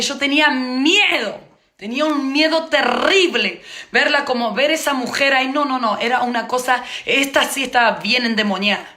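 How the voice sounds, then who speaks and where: A woman's voice: high voice, bright, forceful tone. A woman preacher telling a testimony as part of a sermon, in vivid storytelling that repeats phrases for emphasis. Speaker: preacher teaching on intercession. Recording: echoey room.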